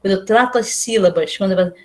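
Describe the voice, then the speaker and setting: A woman's voice: mid-range voice, fast. A Brazilian woman lecturing to her students in a casual, explanatory way, often asking them rhetorical questions. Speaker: university lecturer. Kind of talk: online class lecture.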